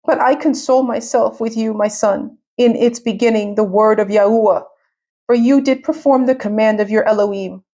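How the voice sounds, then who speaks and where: A grieving elderly mother , read aloud by a woman. She laments slowly and mournfully, her voice a little higher than the reader's usual, devout even in sorrow. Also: lo-fi sound, close to an everyday voice.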